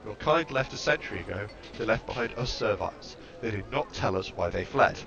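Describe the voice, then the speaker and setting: A man voicing an ancient, trembling, awed female servile creature in a game, reading her lines slowly and reverently. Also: fairly low pitch, expressive, vocal fry, crowd noise. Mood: earnest. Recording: muffled lo-fi mic with background noise.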